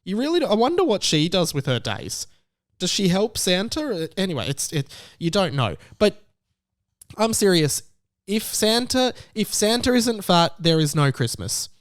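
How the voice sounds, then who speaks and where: This YouTuber, a young Australian man, offers exasperated, mock-furious commentary on the news at a moderate pace. His voice sits high with a sing-song lilt, and the sound is dry and studio quality.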